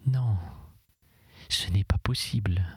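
A man reading an audiobook voices a young woman of twenty, hushed and breathy, urgent and resolute. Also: medium pitch, fairly even intonation, slow pace, no room sound, clean studio sound. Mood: anguished.

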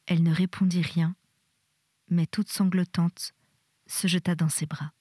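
A woman reading a novel aloud in a soft, intimate style, sometimes dropping to a whisper. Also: on the low side, flat delivery, a little slow, slightly rough, dry recording, studio quality. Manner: soft, intimate, drops to a whisper in tender passages. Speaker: reader.

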